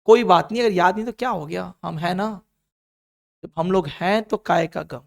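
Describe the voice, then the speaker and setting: A man's voice: high-pitched, moderate pace, gravelly. A male chemistry teacher with an Indian accent giving an encouraging classroom lecture, drilling students through repeated call-and-response lists.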